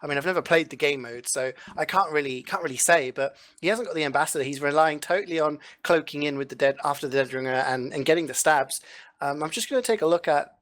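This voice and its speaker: A man's voice: on the high side, fairly bright tone. A man co-casting a live esports match, amused and analytical, thinking aloud as he goes through the game stats. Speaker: esports co-caster.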